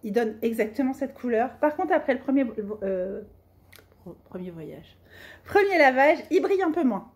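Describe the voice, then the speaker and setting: A woman's voice: high-pitched, very animated, moderate pace, a little mellow. Chatty, self-mocking woman on a sewing vlog. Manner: chatty, colloquial and self-mocking, with many fillers. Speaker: sewing vlogger. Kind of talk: casual fabric haul chat.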